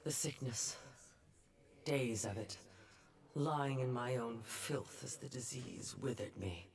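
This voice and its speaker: A woman's voice: rumbling low, lively intonation, slow, heavily acted. A woman voicing the ghost of a proud dead navigator, speaking in a stately, formal, aggrieved way. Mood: somber.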